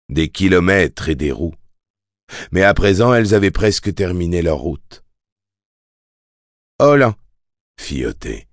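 A man narrating a novel as an audiobook in a measured, even storytelling manner. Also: deep voice, no room sound, clean studio sound. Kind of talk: scripted narration.

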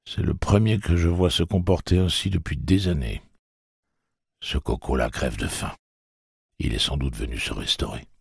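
A man voicing a calm, weathered adult gunslinger who speaks in a knowing way. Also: rumbling low, moderate pace, creaky, breathy edge, no echo, clean studio sound, exaggerated voice.

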